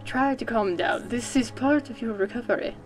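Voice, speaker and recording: A woman's voice: a little high, normal speed, soft background music, lightly acted, rough recording. A woman playing a condescending male asylum doctor in a put-on British accent, with a clipped, patronizing bedside manner. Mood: calm.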